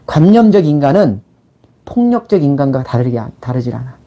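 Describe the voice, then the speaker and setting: A man's voice: mid-range voice, big pitch swings, fairly quick, mellow. A middle-aged man giving a casual lecture in blunt informal speech, firing rhetorical questions at his listener. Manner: acts out little quoted exchanges mid-talk. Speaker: channel host, life and money mentor.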